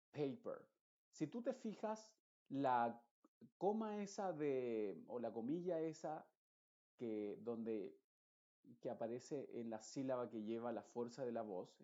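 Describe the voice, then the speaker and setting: A man whose first language is Spanish, teaching an English pronunciation lesson, explaining with fillers and slowly repeating example words. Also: medium pitch, mellow, lo-fi sound.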